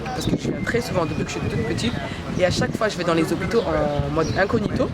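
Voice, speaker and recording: A woman's voice: on the low side, animated, quick pace. A woman in her thirties, a home-care nurse raised in France, speaking earnestly and passionately in a street interview, with frequent restarts. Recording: loud crowd and traffic behind.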